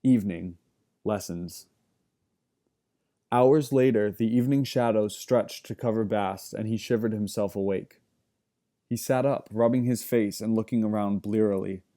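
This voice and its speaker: A man reading a fantasy novel aloud in calm, even narration. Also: fairly low pitch, a little slow. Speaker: audiobook reader. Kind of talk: scripted narration.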